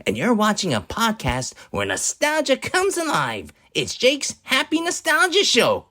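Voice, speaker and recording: Ricky, a giggly high kids' show voice. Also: male voice, wildly swooping pitch, pushed and bright, full character voice. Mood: giddy. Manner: giggly, slow and sing-song. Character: cheerful goofy kids' show guy Ricky.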